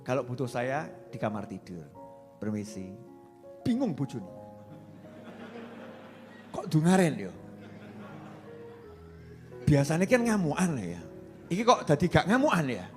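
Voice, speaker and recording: A man with a Javanese accent preaching a sermon, lively and joking, slipping into Javanese phrases. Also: on the high side, unhurried, long pauses. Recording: reverberant hall with faint music.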